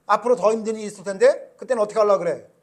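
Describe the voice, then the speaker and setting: A stern, demanding God, voiced by a high-pitched male preacher fires blunt rhetorical questions at a weary prophet. The tone chides rather than comforts, in a sermon retelling. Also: lively intonation, a little fast. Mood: chiding.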